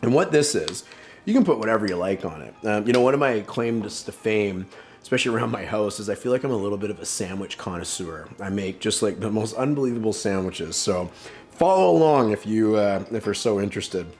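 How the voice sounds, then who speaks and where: A man's voice: lowish voice, expressive, fairly quick, darkish tone, faint music behind. A man casually demonstrating a recipe at home, rambling and enthusiastic with plenty of fillers. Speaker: home cook. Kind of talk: casual cooking demo.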